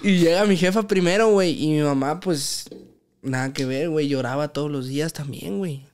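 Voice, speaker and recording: A man's voice: a little high, fairly quick, darkish tone, clean tone. A young man from Mexico City with a chilango accent, casually telling stories as a podcast guest, full of slang and "güey". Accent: Mexico City Spanish. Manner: slangy, says "güey" constantly, acts out quoted voices. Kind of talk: casual storytelling chat.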